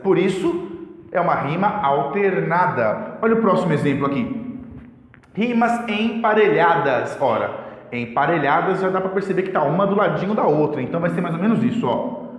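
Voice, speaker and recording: A man's voice: a little high, lively intonation, moderate pace. A man with a Brazilian Portuguese accent teaching a casual video lesson on poetry, chatting to viewers and checking in with "tá certo?". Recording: very echoey room with long reverb.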